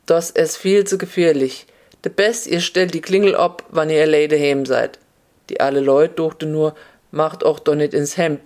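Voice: medium pitch, steady tone, moderate pace, a little mellow. Storyteller in thick Upper Hessian dialect.

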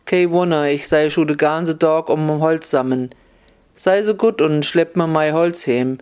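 A man's voice: a little high, unhurried, a little mellow, clear, resonant tone, close to an everyday voice. A man voicing a weary old woman who gathers wood and begs for food, in folksy dialect. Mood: pleading. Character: tired old woodgathering woman.

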